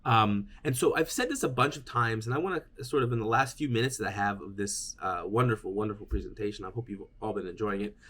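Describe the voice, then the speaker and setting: Man, keynote speaker, informal and meandering, lowish voice. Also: fast, few pauses, a bit bright. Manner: informal, meandering, many restarts. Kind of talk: conference keynote.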